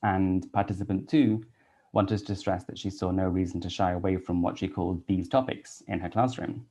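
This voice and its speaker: A Welsh man in his thirties, a teacher and researcher, delivers a prepared conference talk in a deep voice. He reads it out in a measured way, with soft "um" fillers.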